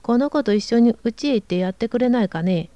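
A woman's voice: fairly high pitch, expressive, brisk, mellow, dry recording, highs cut off, lightly acted. A woman reading aloud, voicing a harsh, domineering middle-aged father who barks orders. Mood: gruff. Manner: gruff, barking orders.

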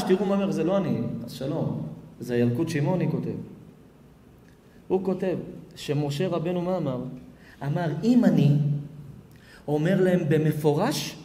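A man giving a rabbinic sermon to a live audience, swinging between hushed, tender asides and loud, scolding outbursts. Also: high-pitched. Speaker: rabbi giving a Torah lecture. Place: large hall with audience. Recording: echoey hall with long reverb.

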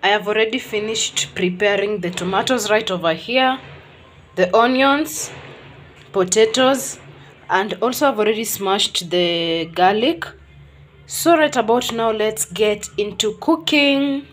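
A woman's voice: medium pitch, expressive, measured pace. A young woman with a Kenyan accent, chatting casually to viewers as she cooks in a small home kitchen, dropping in Swahili words. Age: young adult. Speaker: cooking vlogger. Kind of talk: casual cooking vlog chat. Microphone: phone camera at arm's length.

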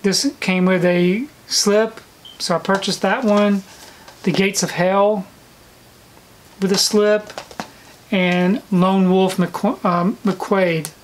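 A woman's voice: medium pitch, steady tone, slow, pauses often, low-quality recording. A woman chatting casually through a collection haul vlog, slightly out of breath, with frequent fillers and restarts. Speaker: video collector vlogger.

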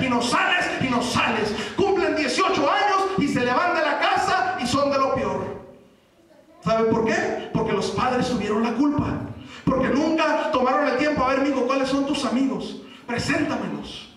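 A man preaches to young people. His voice is very high, and he sounds far from the mic. A strong echo fills the church hall, while he asks the room questions and sometimes bursts into shouts. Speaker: youth preacher. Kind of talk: sermon. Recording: echoey hall, distant mic.

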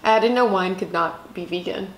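A woman's voice: on the low side, normal speed. Upbeat woman co-host for a food vlog, casual delivery, room echo. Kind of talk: casual chat over a meal. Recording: roomy echo.

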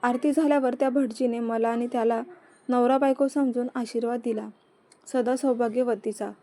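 A woman voicing Pooja, a teasing, quick-tempered young woman, in a storybook reading. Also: on the high side, fairly even intonation, mellow, lightly acted. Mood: chatty. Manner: chatty, teasing.

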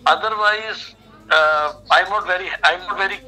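Sharp, high-pitched Indian man on video call. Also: normal speed, faint music behind, low-quality recording. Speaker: expert guest, education adviser. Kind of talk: explanatory interview talk. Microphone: video call on a phone speaker.

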